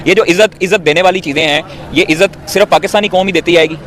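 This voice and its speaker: A man's voice: sits high, quick pace, a bit bright, slight background noise. A man debating cricket on a panel, indignant and repetitive, pressing his point hard. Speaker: commentator.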